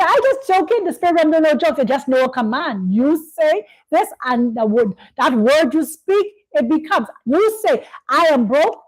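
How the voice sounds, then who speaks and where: A woman's voice: sits high, darkish tone, rough recording. A woman hosting a spiritual talk, speaking in a preachy way, repeating phrases and checking in with "you see?". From Bahamas. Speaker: host. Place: Kenya.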